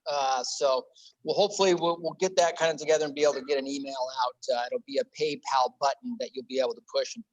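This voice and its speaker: A man making membership announcements at a club meeting, halting and full of fillers. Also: medium pitch, steady tone, dry recording, rough recording. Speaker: membership officer.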